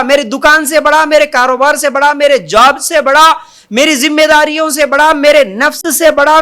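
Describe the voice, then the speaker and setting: High, bright-voiced male preacher. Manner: repetitive rhetorical questions and lists; emphatic, drawn-out takbir calls. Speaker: Islamic preacher. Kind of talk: Urdu sermon.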